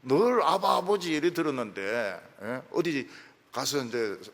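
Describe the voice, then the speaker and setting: A man preaching an afternoon church sermon. He swings between loud emphatic lines and soft, trailing phrase ends. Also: medium pitch, unhurried, vocal fry. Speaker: pastor. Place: church sanctuary. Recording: reverberant church hall.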